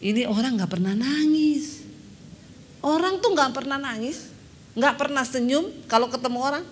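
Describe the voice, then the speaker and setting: Animated, humorous woman pastor preaching. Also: high voice, normal speed, slight background noise. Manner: animated and humorous, often addresses the congregation directly. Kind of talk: lively storytelling sermon.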